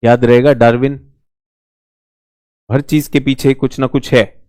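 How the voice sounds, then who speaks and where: A man teaching a lively, joking exam-prep lesson, now and then slipping into brief mock voices. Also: mid-range voice, unhurried, clean tone, dry recording, studio quality.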